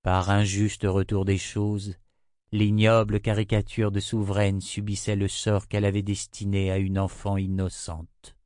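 A man narrating a fantasy children's audiobook in a steady storytelling manner. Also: on the low side, unhurried, no room sound, clean studio sound. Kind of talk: scripted narration.

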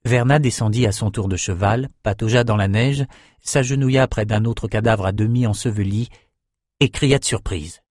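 Un homme qui narre un roman en livre audio, d'une lecture posée et régulière. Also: male voice, lowish voice, moderate pace, darkish tone, no room sound. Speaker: narrator. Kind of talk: scripted audiobook narration. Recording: dry studio recording.

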